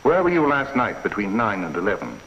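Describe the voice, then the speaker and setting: An actor playing a calm, dry-witted police inspector who speaks tersely in a vintage radio drama. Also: male voice, on the low side, brisk, slight background noise, exaggerated voice. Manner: cool, terse, wry. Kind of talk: 1950s radio drama acting. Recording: dull lo-fi vintage radio recording.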